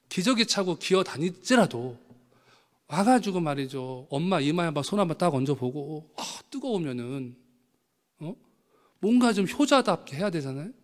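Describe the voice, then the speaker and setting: A man, a pastor, preaching a sermon with animated storytelling, acting out voices from his anecdotes. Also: on the high side. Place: church sanctuary. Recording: long hall reverb.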